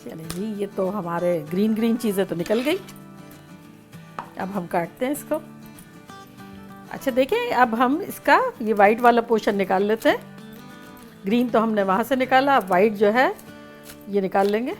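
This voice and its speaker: A chatty, playful woman walks through a home recipe in a fairly high voice. Soft music and a sizzling pan sit behind her as she talks. She keeps an easy, homey tone throughout. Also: expressive, normal speed, pauses often. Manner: chatty, playful, sings snatches of songs. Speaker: cooking show host. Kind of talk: home cooking demonstration.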